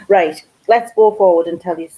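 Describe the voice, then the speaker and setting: A woman's voice: lowish voice, measured pace, dark tone, slightly rough, poor audio. A woman with a Geordie accent hosting a casual live craft stream from home, chatting and rambling with lots of ums. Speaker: craft channel host.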